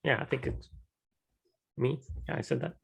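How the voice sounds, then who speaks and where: A man's voice: mid-range voice, huge pitch swings, normal speed, vocal fry, a bit bright, slightly rough. A young man co-hosting a casual podcast chat, easygoing and wry. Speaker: podcast co-host.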